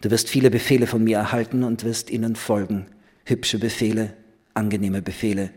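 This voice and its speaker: A man reading a young woman's lines, playful yet grave and commanding, in a slow, serious, quietly insistent way. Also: fairly low pitch, husky. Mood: earnest, commanding.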